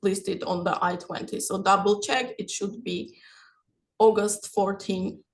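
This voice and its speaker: A woman working as an international student advisor, giving a clear, steady informational presentation over a video call. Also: medium pitch, unhurried, poor audio. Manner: clear, steady, reads out practical details.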